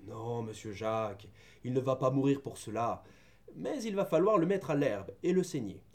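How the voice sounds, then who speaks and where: A man voicing a steady farmhand in a storybook reading, calm and matter-of-fact as he explains. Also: mid-range voice, normal speed, lightly acted. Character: steady older male farmhand tending animals.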